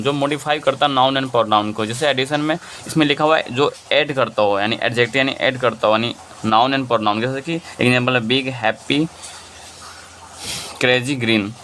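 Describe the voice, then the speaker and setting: A man's voice: medium pitch, a bit bright, a little hiss or hum. A man teaching English grammar in a lesson, explaining in Hindi and reading English examples in an Indian accent, often asking and answering his own questions. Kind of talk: classroom-style lesson.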